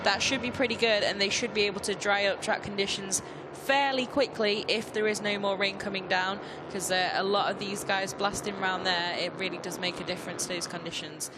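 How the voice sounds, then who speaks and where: A woman's voice: medium pitch, steady tone, a little fast. A woman giving informal, conversational analysis as a co-commentator on live motorcycle racing. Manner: chatty, informal, loosely phrased. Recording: very loud engine and trackside noise. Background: motorbike engines, outdoor race ambience.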